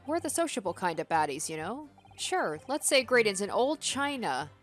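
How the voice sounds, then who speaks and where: A cheeky, shifty crook acted out by a woman reading game dialogue. The talk is matey and full of slang, with animated pitch and faint music behind it. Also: moderate pace. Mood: cheeky, chummy. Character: rough, cheeky working-class male crook, chummy and shifty. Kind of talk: video game character read-aloud.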